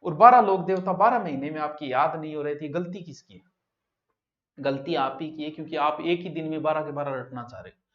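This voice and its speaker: A male coaching teacher, giving a direct, conversational exam-prep lecture to students. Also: on the high side. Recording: dull lo-fi classroom recording.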